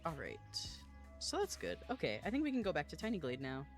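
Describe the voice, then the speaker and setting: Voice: mid-range voice, huge pitch swings, very fast. Chatty streamer over game music. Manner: chatty, giggly, self-deprecating, talks to chat while playing. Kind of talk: casual game-streaming chat.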